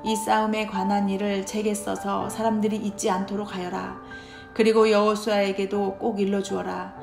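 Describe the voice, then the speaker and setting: Woman voicing God in a children's Bible reading, steady solemn commands, roomy sound with music under it. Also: medium pitch, moderate pace, creaky, close to an everyday voice. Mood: commanding.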